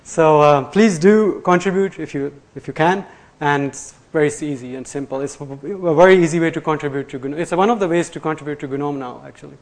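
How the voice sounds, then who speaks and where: A man's voice: on the high side, fairly quick. A man presenting a live technical talk to a room. He talks loosely, with many fillers and restarts, and laughs at himself. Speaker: conference presenter. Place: lecture room before an audience.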